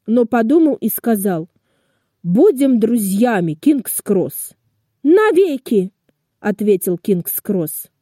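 Slow, expressive woman reading a children's tale. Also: fairly high pitch, no echo, clean studio sound. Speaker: storybook reader. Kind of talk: scripted children's story narration.

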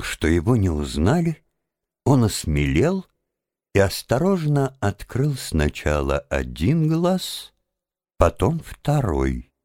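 A man reads a story aloud, his mid-range voice rising and falling with lively expression. The sound is close and dry, with no room around it. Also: low-pitched, no room sound. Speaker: audiobook narrator. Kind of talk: expressive literary narration.

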